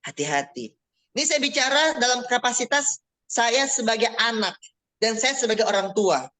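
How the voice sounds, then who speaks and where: A man preaching in a mosque, animated and full of rhetorical questions, calling on listeners by name. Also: very high-pitched, moderate pace, rough recording. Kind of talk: Islamic study sermon on parenting.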